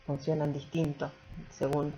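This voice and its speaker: A woman's voice: low voice, completely flat delivery, a little slow, dark tone, lo-fi sound, slight background noise. A woman teacher giving a recorded grammar lesson, explaining patiently step by step and often checking in with the class.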